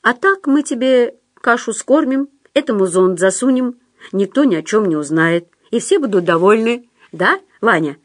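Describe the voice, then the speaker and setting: A woman's voice: animated, moderate pace, dry recording, clean studio sound. Woman voicing a scheming, whispering male patient. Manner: low, insistent, conspiratorial.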